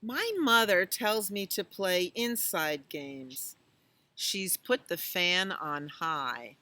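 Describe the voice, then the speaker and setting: A library storytime reader, a woman with a fairly low, animated voice and a sharp tone, reads a picture book aloud to children at a slow pace. She adds chatty asides and exclamations and asks her young listeners questions.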